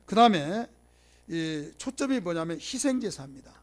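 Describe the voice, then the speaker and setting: A man preaching a Bible lecture to a congregation. He leads call-and-response, has them repeat phrases, and swings from loud emphasis to quiet asides. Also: on the high side, sing-song, normal speed. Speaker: pastor. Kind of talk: sermon lecture.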